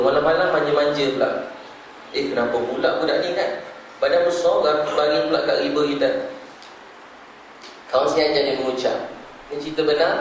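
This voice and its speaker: A man's voice: medium pitch, a little hiss or hum. A man with a Malaysian Malay accent preaching a sermon as a storyteller, repeating phrases for emphasis, recorded in a large hall. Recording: echoey hall, speaker far from mic.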